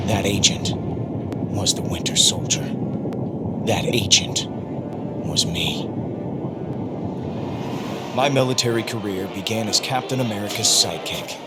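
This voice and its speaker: An actor playing a brooding, guilt-ridden soldier turned hero in a video game, weary but loyal, with a grave, understated delivery. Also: male voice, low voice. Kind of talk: cinematic video game acting and narration.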